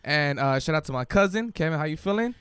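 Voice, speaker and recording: A man's voice: fairly high pitch, lively intonation, fast talker, fairly bright tone, clean tone, dry recording, studio quality. A young man hosting a podcast, hyped and slangy, who laughs easily. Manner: hype, slangy, laughs often. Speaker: podcast host. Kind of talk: casual podcast chat.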